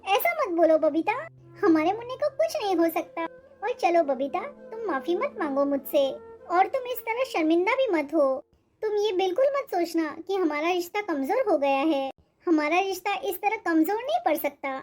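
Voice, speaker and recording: Cartoon elder sister-in-law, brave and kind,, firm and soothing, very high pitch, music bed. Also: female voice, animated, moderate pace, darkish tone. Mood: reassuring. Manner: reassuring, firm. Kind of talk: Hindi cartoon voice acting.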